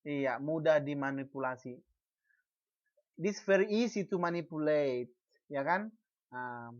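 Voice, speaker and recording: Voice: mid-range voice, lively intonation, takes it slowly, darkish tone, highs cut off. A teacher giving an online class lecture, asking the class questions and answering them, with frequent false starts and repeated syllables. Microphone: video call.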